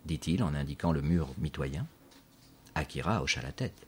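A man narrating a storybook in a measured, scripted audiobook delivery. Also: extremely low pitch, expressive, husky.

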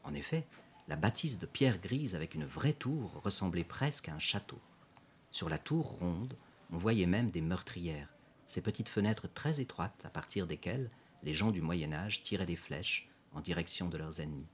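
A man narrating a storybook in a calm, steady way, with a husky voice. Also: low voice, moderate pace, a little hiss or hum. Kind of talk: audiobook narration.

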